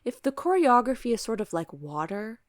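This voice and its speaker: A woman hosting a podcast in casual chat, halting as she carefully picks her words and talks around them. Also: fairly high pitch, big pitch swings, no room sound, clean studio sound. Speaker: podcast host. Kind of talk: casual podcast chat during a word game.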